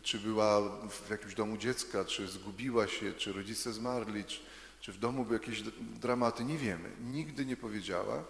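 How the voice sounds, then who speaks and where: A man's voice: fairly low pitch, moderate pace, gravelly, fairly bright tone. A man telling a story to children in a chatty way, putting questions to them as he goes, in an echoey hall.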